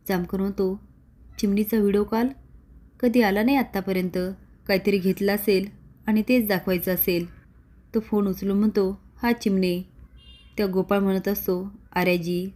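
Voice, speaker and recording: A woman's voice: mid-range voice, a little mellow. A woman retelling a TV serial episode as a story, voicing every character's lines herself. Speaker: narrator recapping a TV serial episode. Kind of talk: dramatic episode recap narration.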